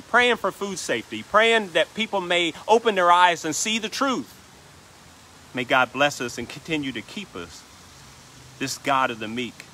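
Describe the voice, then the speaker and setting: A man delivers a sermon in a bright, slightly high voice. He reads old-style scripture aloud in a rhythmic cadence and checks in with the congregation through repeated "right?" asides. A faint background hiss sits under the recording. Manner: reads scripture aloud in King James wording. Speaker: pastor.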